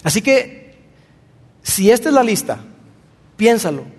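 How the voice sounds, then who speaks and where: A man's voice: high voice, very animated, a little slow, husky, long reverb tail. A man preaching a sermon, speaking earnestly and addressing the listener directly with rhetorical questions. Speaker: pastor.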